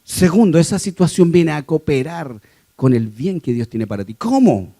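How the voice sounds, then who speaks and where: A man preaching a sermon to his congregation, moving between quiet personal testimony and raised, emphatic exhortation. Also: on the high side, expressive, moderate pace. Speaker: lay preacher.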